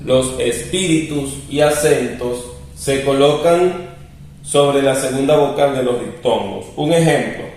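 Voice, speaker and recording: A man's voice: mid-range voice, a little slow, a little mellow. A man teaching a lesson, patiently explaining and repeating rules. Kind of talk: recorded classroom lesson. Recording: very echoey room, distant mic.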